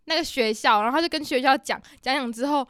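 A woman's voice: high voice, fast talker, fairly bright tone, clear, resonant tone, no echo, studio quality. A young woman co-hosting a casual chat, chatty and teasing as she tells her stories. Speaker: podcast co-host.

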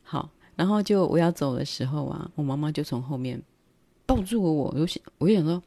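Middle-aged taiwanese woman chatting on a livestream, low mellow voice, dry close sound. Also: animated, brisk, gravelly, dry recording. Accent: Taiwanese Mandarin. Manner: chatty, acts out her parents' words. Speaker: livestream host. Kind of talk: casual storytelling.

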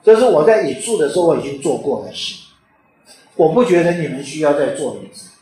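A male author and teacher talks through an informal lecture, his voice pitched fairly high for a man. He keeps it conversational and checks in with his listeners. The room rings with a strong echo. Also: expressive, a little fast, mellow. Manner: conversational, often checks in with rhetorical "OK?". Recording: very echoey room.

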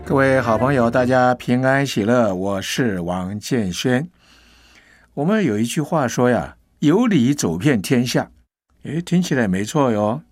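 A man's voice: mid-range voice, animated, unhurried, faint music behind. A man telling moral stories on the radio in a folksy, chatty way, often asking the listeners questions. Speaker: radio storyteller.

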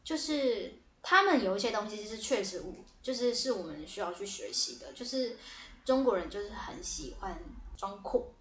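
A young woman, a theater director and podcast guest, telling a story in a lively, casual way and cursing now and then. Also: medium pitch, moderate pace. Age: young adult. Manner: lively storyteller, swears casually, repeats "对对对". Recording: roomy echo.

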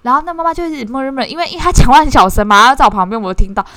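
A woman casually shares her impressions of a course, talking in an animated, self-mocking way with many restarts. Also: sits high, rapid-fire, no room sound. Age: 20s. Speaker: course participant sharing reflections. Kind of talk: casual spoken sharing.

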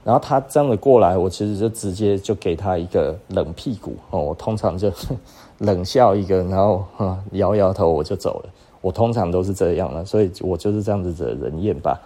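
Podcast host: a man with a Taiwanese accent, swearing, mocking, with a dark warm tone. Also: low-pitched, a little fast. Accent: Taiwanese Mandarin. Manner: profane, scornful, laughs often. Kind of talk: casual storytelling rant.

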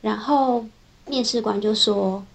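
A woman's voice: mid-range voice, fairly even intonation, slow, gravelly. Young woman, mid-range voice, casual vlog storyteller, chains her thoughts with "and then". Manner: chatty, strings thoughts together with frequent "then". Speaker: software engineer.

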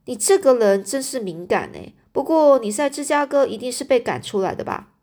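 A woman's voice: on the high side, expressive, brisk, mellow, pitched above the performer's own voice. A woman voicing a sly, nosy bearded male miner in a storybook reading. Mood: prying. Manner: nosy questioning, hearty.

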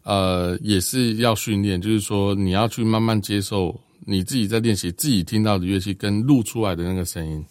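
A man's voice: on the low side, normal speed, few pauses, no echo, clean studio sound. A middle-aged man with a Taiwanese Mandarin accent, a recording engineer and drummer chatting casually and explaining with sound examples. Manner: explains with sound examples, animated when excited. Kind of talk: casual chat.

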